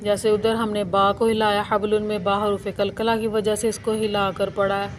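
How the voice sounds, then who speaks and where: A woman's voice: medium pitch, little pitch movement, moderate pace, a little hiss or hum. A woman teaching Quran recitation rules in a patient, step-by-step lesson, drawing out each sound. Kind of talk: slow step-by-step tajweed lesson.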